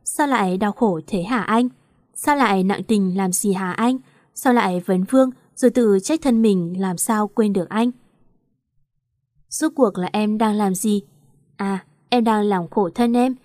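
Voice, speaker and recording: A woman's voice: medium pitch, unhurried, a little mellow, no room sound, clean studio sound, lightly acted. A woman reading the lines of a torn, tearful young woman in an emotional, questioning lament. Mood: longing.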